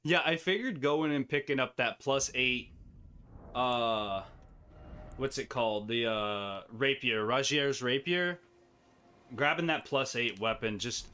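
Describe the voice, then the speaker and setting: Clear and resonant with a sharp edge, this man's mid-range voice carries his casual gameplay commentary. He's a streamer rambling and joking to himself as he plays a game.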